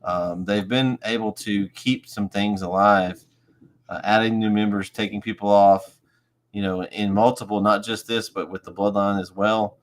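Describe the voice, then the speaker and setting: Lower-voiced dude hosting a podcast, relaxed, walks through results. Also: male voice, moderate pace. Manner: easygoing, uses homespun analogies, laughs along. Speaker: podcast host. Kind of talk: casual wrestling review chat.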